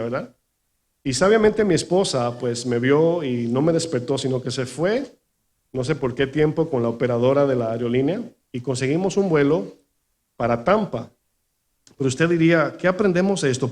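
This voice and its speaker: Man preaching a story-driven sermon. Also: mid-range voice. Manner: animated storytelling, acts out quoted voices, asks the congregation questions. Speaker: pastor. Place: church in New York.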